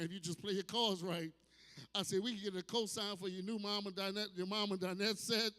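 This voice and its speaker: A man hosting a stand-up comedy night, loud and profane, hyping the crowd between jokes. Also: high-pitched. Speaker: comedy show host. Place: comedy show at a distillery. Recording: live venue with long hall reverb.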